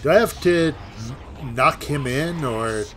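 A man's voice: on the high side, slow, a bit bright. A laid-back man streaming a game, chatting casually and swearing as he plays. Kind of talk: casual gameplay commentary.

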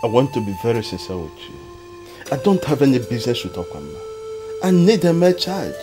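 A man's voice: mid-range voice, very animated, brisk, over music, close to an everyday voice. A man playing a stern, imperious king in a film drama, speaking emphatically with a Nigerian accent. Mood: impatient, stern. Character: stern, imperious king demanding a male heir.

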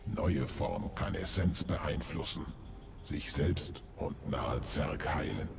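An extremely deep, gravelly alien creature advising its swarm. The cold, analytical game character talks in clipped, terse phrases, with echo around the voice and game noise behind. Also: male voice, slow, full character voice. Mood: clinical. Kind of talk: video game creature dialogue.

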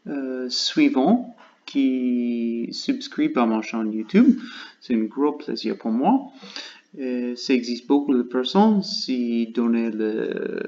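Male host, American, non-native French speaker; unhurried, hesitant casual vlog delivery; slightly muffled lo-fi audio. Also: mid-range voice, a little mellow. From United States. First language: English. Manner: halting learner's French, searching for words with many pauses. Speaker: channel host.

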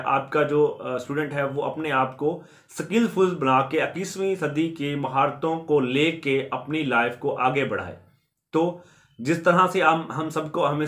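A man with a somewhat high-pitched voice gives an earnest explanatory talk to his viewers. He repeats his points, restates them in new words, and drops English terms into his sentences. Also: a bit bright. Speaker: YouTube education channel host.

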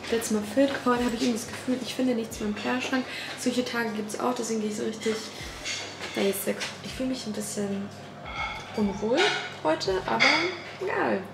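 Speaking at a moderate pace, this woman has a fairly high, creaky voice, and the background is noisy. She's a lifestyle vlogger in her twenties chatting casually to the camera inside her bright, modern apartment, eager and full of slang. The space sounds roomy, with music behind her.

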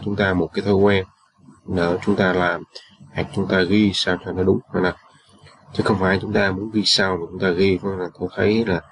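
A man's voice: low voice, vocal fry, slightly rough, dry recording. A man explaining a writing rule in a loose, casual way, full of fillers and often checking "right?" with listeners. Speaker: channel host, engineer.

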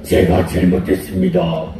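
A remorseful escaped convict begs in a lowered, mellow voice, as a man puts him on for a stage play. It booms with echo from far-off outdoor speakers. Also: very animated, unhurried, slight background noise. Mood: pleading. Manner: pleading, low, theatrical. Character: remorseful middle-aged male escaped convict. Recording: echoey outdoor PA sound from far off.

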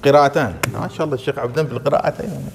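A man's voice: medium pitch, racing, vocal fry, big-room sound, noisy background. A man teaching an Arabic grammar lesson, often checking whether his students understand. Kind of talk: classroom lesson.

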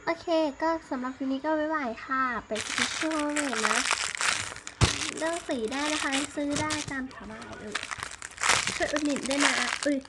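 A high-pitched young woman talks casually about her handmade crafts in a chatty, polite way. Loud crinkling and rustling fill the background of the recording. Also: steady tone, moderate pace, heavy background noise. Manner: chatty, polite ending particles, spells out contact details. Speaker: vlogger selling handmade squishies. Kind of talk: casual product show-and-tell.

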